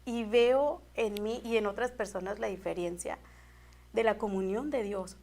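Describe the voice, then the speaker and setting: This guest woman speaks at medium pitch and a measured pace, her voice gravelly yet slightly mellow. Telling her faith testimony with deep emotion, she is earnest and heartfelt and frequently restarts or repeats phrases.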